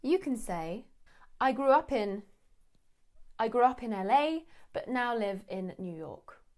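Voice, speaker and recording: Clear woman teaching phrases. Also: on the high side, expressive, a little mellow. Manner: clear, measured explanations with spoken examples. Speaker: English teacher. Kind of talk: scripted English lesson.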